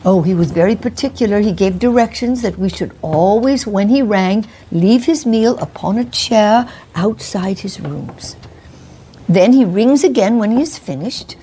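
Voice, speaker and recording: A woman's voice: medium pitch, expressive, a little slow, mellow, slightly rough. A woman playing a nervous, deferential Victorian landlady in a mystery role-play, with a stammering, frightened manner. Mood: anxious, deferential.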